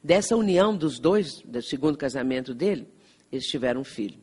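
A woman's voice: very deep voice, animated, brisk, a little mellow, husky. A Brazilian woman giving an earnest spiritist lecture, explaining patiently and often checking in with "não é?". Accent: Brazilian Portuguese. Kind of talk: lecture with anecdotes. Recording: reverberant hall.

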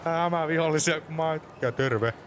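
A man's voice: fairly high pitch, slight background noise, pitched above the performer's own voice, close to an everyday voice. A man voicing a goofy, short, boastful knockoff superhero in a raised, chipper put-on voice. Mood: playful.

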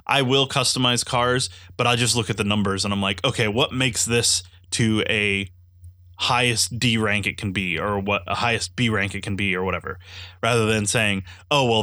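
A man's voice: on the low side, bright, forceful tone, no echo, studio quality. A congested man giving a casual spoken game review, eager and rambling, with many restarts. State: congested, stuffy nose.

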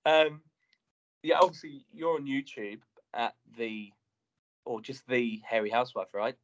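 A man's voice: mid-range voice, a little slow, muffled recording, a little hiss or hum. A man with a British accent hosting a casual podcast chat with dry, teasing banter. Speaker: podcast host.

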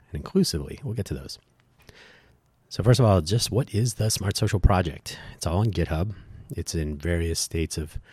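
A man's voice: low voice, dark tone, dry recording. A man hosting a solo podcast, rambling and correcting himself with wry asides, his voice dulled by allergies. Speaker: podcast host.

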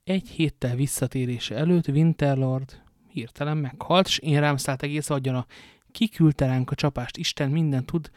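A man's voice: fairly high pitch, a little mellow, no echo, studio quality, lightly acted. A man voicing a scheming noble lady who pleads theatrically in an audiobook reading. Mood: pleading.

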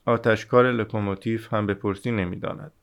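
A man's voice: fairly low pitch, fairly even intonation, creaky. A man reading the part of a weary railway switchman in an audiobook, dry and matter-of-fact.

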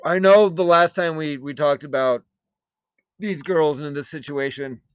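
A man's voice: fairly high pitch, measured pace, smooth, no room sound, low-quality recording. Rambling male podcast co-host. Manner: rambling, with frequent fillers and casual swearing. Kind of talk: casual book-club podcast chat.

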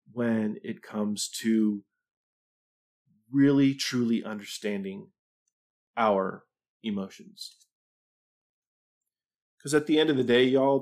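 A middle-aged man hosting a livestream, talking casually and reflectively, with fillers and restarts. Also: lowish voice. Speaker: livestream host.

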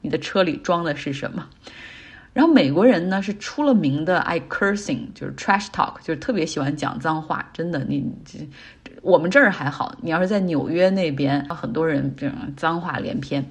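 A woman's voice: low voice, animated, normal speed, slightly rough. A middle-aged woman hosting a casual talk podcast, chatting and explaining English words in Chinese as she goes. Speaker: podcast host. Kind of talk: casual commentary.

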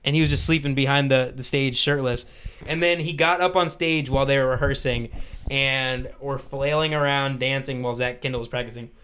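A man's voice: mid-range voice, fairly even intonation, fairly quick, fairly bright tone, a little hiss or hum. A man hosting a podcast, telling a story in casual chat and filling his talk with "like". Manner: rambling, fills talk with "like". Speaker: podcast host.

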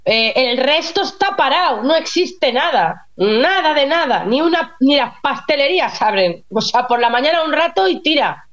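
A woman with a high, bright-pitched voice chats as a radio guest, explaining things with lively energy. She comes through a dull, lo-fi remote line that softens her. Her delivery is casual and talkative. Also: moderate pace, few pauses. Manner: animated, chatty explaining. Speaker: guest, nurse living in Germany. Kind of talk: casual radio interview chat.

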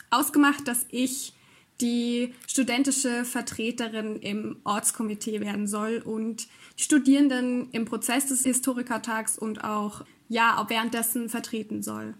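A woman's voice: fairly high pitch, fairly even intonation, measured pace. A young adult woman answering as an interview guest in conversational, somewhat piecemeal phrases. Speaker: interview guest, student representative.

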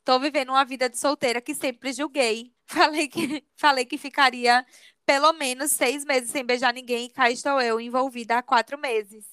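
A woman, co-hosting a casual chat and telling gossipy stories in lively slang. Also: high voice, moderate pace, smooth, dry recording, clean studio sound. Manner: animated gossipy storytelling with slang. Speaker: podcast co-host.

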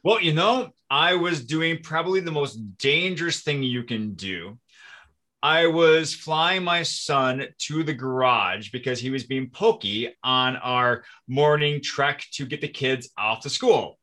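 Podcast guest: man, forties, from Minnesota, friendly self-deprecating storyteller, sharp bright voice. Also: on the high side, measured pace. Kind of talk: casual conversation.

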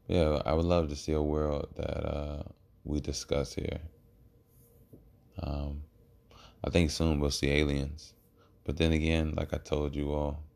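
A man giving a rambling, reflective monologue in a halting way, with trailing pauses. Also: extremely low pitch, vocal fry, a little mellow, clean tone.

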